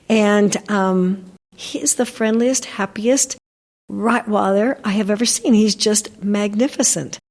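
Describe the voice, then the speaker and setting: A woman's voice: mid-range voice, gravelly, a little mellow, big-room sound. An older woman, a dog trainer, chatting in an interview and telling stories with lots of fillers and restarts. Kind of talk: casual interview chat.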